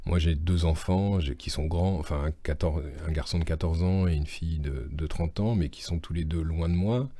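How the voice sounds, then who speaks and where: A French man in his fifties with a very low voice talks casually and without hurry, pausing on fillers as he gathers his thoughts. The sound is dry and close, with no room around it. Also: warm tone, no echo. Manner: unhurried, hesitant, with many fillers. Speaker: stage actor and voice-over artist. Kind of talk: casual interview chat.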